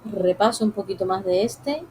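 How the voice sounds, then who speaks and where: Soft-spoken woman teaching drawing. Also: medium pitch, slight background noise, low-quality recording. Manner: soft, unhurried, talks while drawing; addresses viewers directly. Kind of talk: live-streamed drawing lesson.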